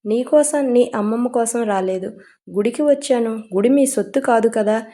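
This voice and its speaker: A spiteful, arrogant village man who sneers and boasts with biting sarcasm, as a woman puts him on in a storybook. The voice stays raised and soft-toned rather than gruff. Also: fairly high pitch, normal speed, lightly acted. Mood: sarcastic.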